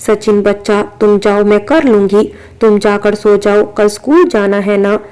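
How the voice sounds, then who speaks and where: A tender, weary young woman voiced by a woman narrator speaks softly and with affection in a storybook. The tone is smooth, warm and mellow. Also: mid-range voice, steady tone, a little slow, natural voice. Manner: soft, affectionate. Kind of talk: storybook reading.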